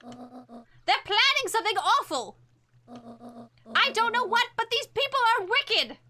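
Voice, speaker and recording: A woman's voice: very high-pitched, very animated, a little slow, sharp tone, soft background music, pitched above the performer's own voice, full character voice. A woman voicing a fierce, desperate older woman in a video game, pleading urgently with a crowd. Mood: urgent outcry.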